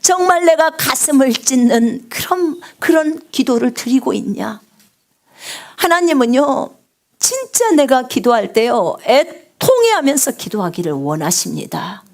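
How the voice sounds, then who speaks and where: A woman missionary preaching a live sermon on prayer, with a big resonant singer's voice, asking the congregation questions and swinging from loud cries to hushed whispers. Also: high voice, sing-song, unhurried. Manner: asks the congregation questions and answers them.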